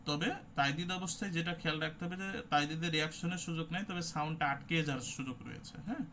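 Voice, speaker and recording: A man's voice: on the high side, racing, bright, forceful tone, a little hiss or hum. A man teaching an online Quran recitation class, explaining letter sounds and demonstrating each one.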